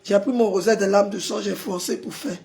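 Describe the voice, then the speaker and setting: A pastor hosting a live stream, hoarse from a sore throat and forcing his voice out as he chats with viewers and answers their comments. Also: sits high, steady tone, a little fast, a little mellow. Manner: chatty, greets viewers by name and answers comments.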